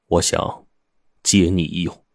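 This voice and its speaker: A man voicing a wounded, scheming man who speaks in a low, quiet, persuasive way. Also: little pitch movement, slow, vocal fry, dry recording, studio quality, heavily acted.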